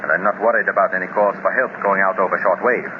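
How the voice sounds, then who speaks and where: An actor playing a scheming, pompous master villain with a slow, gloating delivery, in a 1930s radio serial with hiss on the recording. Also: male voice, low voice, steady tone, natural voice. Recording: hissy, dull 1930s radio transcription.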